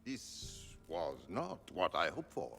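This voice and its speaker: A man's voice: low voice, sing-song, slow, creaky, bright, forceful tone, soft background music, exaggerated voice. A man playing a flustered, humiliated conspirator in a video game, pleading dramatically, in heavy reverb. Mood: embarrassed. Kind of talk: video game dialogue acting. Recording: long hall reverb.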